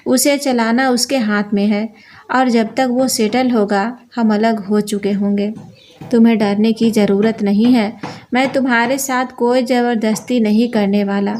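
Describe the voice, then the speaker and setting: A woman's voice: fairly high pitch, fairly even intonation, measured pace, a little mellow, lightly acted. Woman reading as a cold, arrogant rich husband. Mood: commanding. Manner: cold, commanding, dictating terms. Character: arrogant rich young husband laying down rules.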